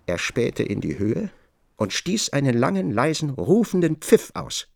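A man narrates a radio drama in a measured, descriptive reading. His voice has a gravelly texture, and the recording is dry and close. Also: mid-range voice, big pitch swings, no room sound. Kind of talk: scripted literary narration.

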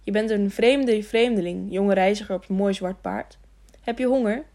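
A woman's voice: medium pitch, normal speed, mellow, close to an everyday voice. Woman putting on an eager childlike young fool. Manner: repetitive, pleading questions. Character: simple-minded young man, childlike, lonely and eager.

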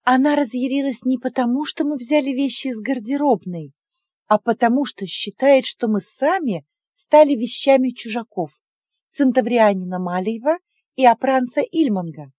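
Audiobook narrator: woman, first-person, expressive, mellow, dry close recording. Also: on the high side, normal speed, no room sound. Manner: expressive, emotional storytelling.

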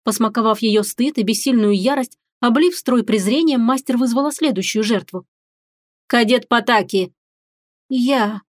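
A woman narrating a first-person audiobook in a steady, even storytelling manner. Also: a little high, moderate pace, hardly any pauses, no echo.

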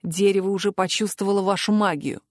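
A woman's voice: steady tone, no echo, clean studio sound, natural voice. A woman playing a cold stern male curator. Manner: low, measured, clipped commands. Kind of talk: audiobook character voice.

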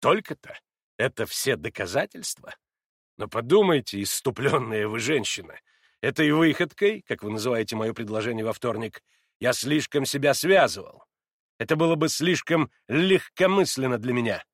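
A man playing a cold, self-righteous aristocrat who talks in a measured, condescending way, in an audiobook reading. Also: mid-range voice, animated, no echo, clean studio sound.

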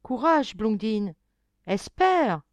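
A woman's voice: mid-range voice, big pitch swings, normal speed, dry recording, lightly acted. A woman voicing an unseen magical voice in an audiobook, solemn and encouraging, near her own tone. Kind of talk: audiobook reading.

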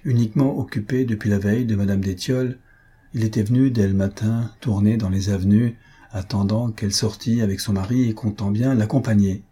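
Husky, dark-voiced man reading a novel. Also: on the low side, steady tone, brisk. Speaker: audiobook reader. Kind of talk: scripted narration.

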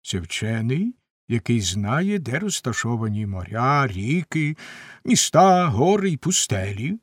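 A pompous old scholar of a geographer, put on by a male reader, lecturing in slow, weighty phrases. His voice climbs and falls in lively swings and is heard close and dry. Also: medium pitch, no room sound.

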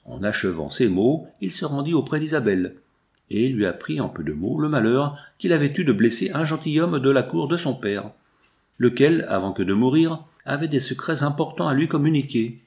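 A man with a voice of middling pitch narrates a classic novel aloud. His reading is measured and formal, steady from line to line. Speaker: audiobook narrator.

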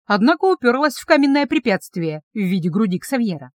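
A woman narrating a first-person fantasy audiobook in an expressive storytelling manner. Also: fairly high pitch, a little fast, no echo, studio quality.

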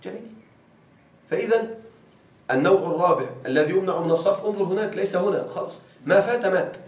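A male teacher giving a classroom grammar lesson. He quizzes students with questions they finish, and reads example phrases slowly with stress. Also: high-pitched. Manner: quizzes students with fill-in-the-blank prompts. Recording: echoey room, distant mic.

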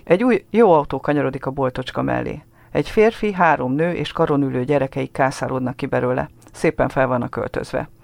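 A man reading literary prose aloud on a radio show in a measured, calm storytelling manner. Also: medium pitch, creaky, no echo.

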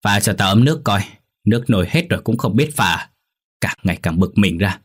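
A man's voice: on the low side, expressive, fairly quick, husky. A man voicing a grumpy old male landlord who scolds his servants and stammers in fright. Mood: angry scolding. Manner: shouting, stammering in terror.

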